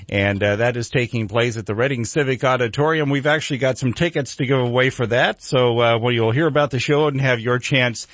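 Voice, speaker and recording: A man's voice: medium pitch, fairly even intonation, brisk, hardly any pauses, fairly bright tone, no room sound. An American man hosting local morning radio in a folksy, rambling, unscripted way. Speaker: local radio show host.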